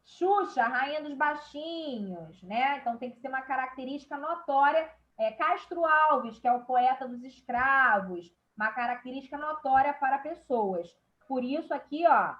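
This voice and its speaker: A woman's voice: high-pitched, lo-fi sound. A woman teacher with a Brazilian Portuguese accent, explaining a grammar lesson step by step and checking in with her class.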